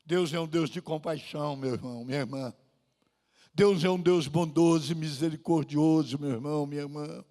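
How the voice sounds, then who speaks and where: A male pastor preaching a sermon, dramatic and slow, drawing out pleas and swinging from loud cries to near-whispers. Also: a little high, fairly even intonation. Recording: long church reverb.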